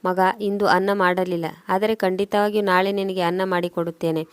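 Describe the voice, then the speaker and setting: Woman reading a gentle poor mother. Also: lowish voice, flat delivery, normal speed, no room sound, close to an everyday voice. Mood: tender. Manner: gentle reassuring. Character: poor, loving mother soothing her son. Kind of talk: scripted storytelling narration.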